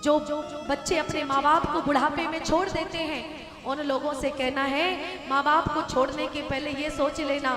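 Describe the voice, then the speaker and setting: A woman's voice: high voice, flat delivery. A woman religious storyteller giving a dramatic, emphatic devotional sermon at a large gathering. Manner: dramatic, emphatic, quick narration. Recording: echoey hall with music behind.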